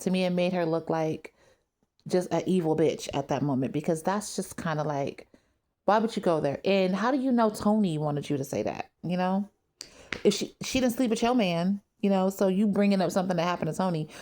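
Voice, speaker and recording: A woman's voice: on the low side, a little mellow. A woman giving blunt, candid opinions on reality TV in a casual vlog. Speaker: reality TV commentator.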